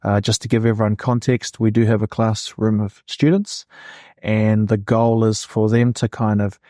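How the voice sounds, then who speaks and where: A man's voice: lowish voice, little pitch movement, moderate pace, mellow, dry recording, studio quality. A man hosting a podcast interview in front of a classroom, speaking in an encouraging way. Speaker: podcast host.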